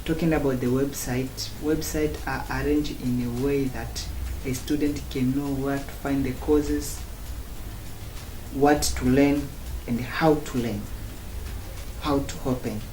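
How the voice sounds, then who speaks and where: A man from Tanzania, giving a student testimonial in slow, halting phrases broken into short chunks. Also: medium pitch, steady tone, dark tone. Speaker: former student giving a review. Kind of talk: spoken testimonial. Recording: roomy echo, faint background noise.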